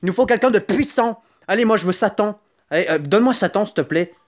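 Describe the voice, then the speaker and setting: A man's voice: high-pitched, expressive, quick pace. A young man whose first language is Italian, doing jokey, rambling commentary while playing mobile games, with sudden yelps and silly asides. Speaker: gaming YouTuber. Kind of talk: joking gameplay commentary.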